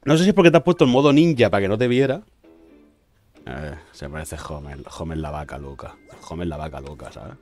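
A man's voice: sits low, lively intonation, brisk, darkish tone, soft background music. Playful Spanish streamer man, teasing banter. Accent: Spain Spanish. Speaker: gaming streamer. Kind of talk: casual gaming commentary.

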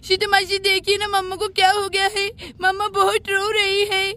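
A woman's voice: very high-pitched, monotone, normal speed, bright, forceful tone. A woman voicing a worried little girl who pleads anxiously in a doll story.

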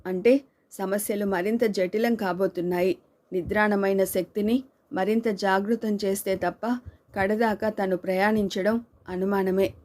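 Female audiobook narrator, mid-pitched, steady scripted reading with light character shading. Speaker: storyteller.

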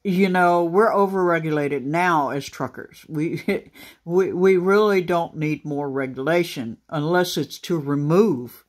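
A man, a truck driver, talking casually and haltingly to his viewers, with many fillers and restarts. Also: fairly high pitch. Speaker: trucker vlogger. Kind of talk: casual talk to camera. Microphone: phone camera pointed at a laptop screen.

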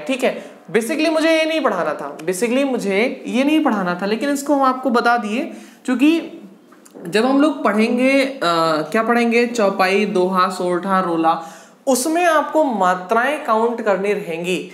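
A woman's voice: on the high side, animated, measured pace. A woman teaching an exam-prep language lesson, drilling the class with questions she answers herself. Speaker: Hindi teacher. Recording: echoey room.

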